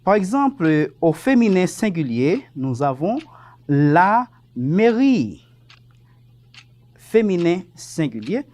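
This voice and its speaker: A male teacher giving a televised French lesson, speaking slowly and patiently, spelling words out and repeating them. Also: high voice, very animated, a little mellow.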